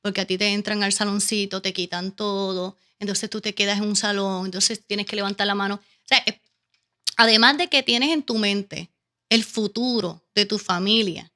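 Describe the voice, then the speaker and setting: A woman with a Caribbean Spanish accent speaks in a bright, keen-edged voice at an average female pitch. She recounts her experience informally and animatedly, voicing thoughts and dialogue as she goes. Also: moderate pace. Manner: animated, acting out her own inner questions and quoted remarks. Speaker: interview guest, teacher and educational consultant. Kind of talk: casual personal storytelling in an interview.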